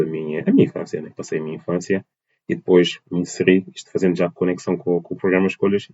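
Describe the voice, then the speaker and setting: A Portuguese man in his twenties, a dance teacher, answers casual interview questions as a podcast guest. His voice sits low and a little mellow, with the highs cut off, and his speech is full of fillers and restarts.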